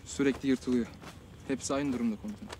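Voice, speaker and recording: Actor as a soldier reporting to his commander, brisk, mid-pitched voice. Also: steady tone, mellow, slight background noise, lightly acted. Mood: dutiful. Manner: quick, dutiful reporting. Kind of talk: dramatic film acting.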